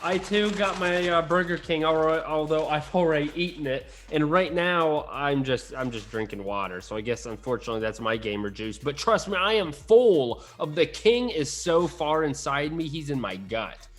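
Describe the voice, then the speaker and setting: A young man co-hosting a gaming podcast, excitable and teasing in casual banter. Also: on the high side, normal speed, hardly any pauses. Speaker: podcast co-host.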